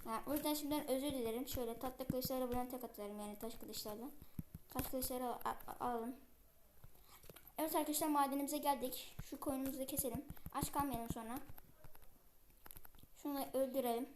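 High voiced girl talking thru her game, lots of ums, kinda loud, soft clicking in the back. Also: fairly even intonation, brisk, pauses often, noisy background. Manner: chatty, talks to viewers, many fillers; speaks somewhat loudly on purpose. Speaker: gameplay commentator. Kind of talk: casual gameplay commentary.

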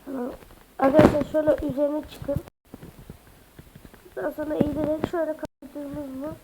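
Woman w a high voice and a bit of a sick voice, chatty game tutorial, lots of um, noisy mic w clicks. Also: flat delivery, moderate pace. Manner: keeps addressing viewers as friends, chatty and hesitant with many fillers. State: slightly sick voice with occasional coughs. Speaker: Minecraft tutorial YouTuber. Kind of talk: casual gameplay tutorial narration.

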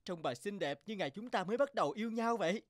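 A woman voicing an old husband turned young again in a storybook cartoon, speaking in a lowered, hearty voice with chuckles. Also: expressive, quick pace, husky, no room sound, clean studio sound. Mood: delighted. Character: old man made young again, cheerful, devoted husband.

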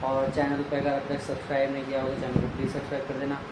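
A man's voice: mid-range voice, completely flat delivery, rapid-fire. A young man from India, chatting casually to camera in a travel vlog. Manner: chatty, talks straight to camera with hand gestures. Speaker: vlogger. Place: busy roadside outdoors in summer heat; small room at home. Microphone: phone camera at arm's length. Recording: echoey with loud street noise. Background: street traffic.

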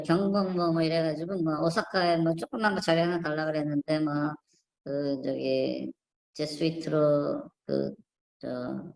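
A woman's voice: low voice, gravelly. A woman hosting an online channel, talking through images on screen in a rambling, skeptical way, with many fillers and restarts. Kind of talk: casual spoken commentary. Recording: echoey room.

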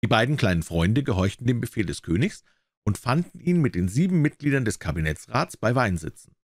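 Lively, low-voiced male storyteller. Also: no echo, clean studio sound. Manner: expressive storytelling. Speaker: audiobook narrator. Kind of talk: scripted narration.

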